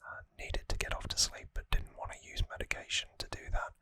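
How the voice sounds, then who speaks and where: Close to the microphone in a dry space, an ASMR host talks in a breathy, unvoiced whisper. The delivery is brisk yet gentle and earnest, rambling slightly to viewers.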